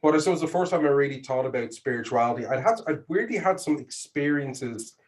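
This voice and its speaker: A middle-aged man with a Dublin Irish accent, talking casually as an interview guest in an informal, halting way, as if thinking aloud. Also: medium pitch, lively intonation. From Dublin, Ireland.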